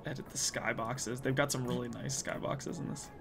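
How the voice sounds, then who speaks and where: A man's voice: mid-range voice, flat delivery, moderate pace, vocal fry. A man streaming casually, rambling and thinking aloud as he works, laughing often. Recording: music playing behind.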